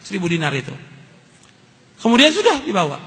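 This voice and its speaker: Male preacher, emphatic sermon, very high lively voice, reverberant hall. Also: fairly quick. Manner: emphatic, repeats key phrases, switches between loud and hushed.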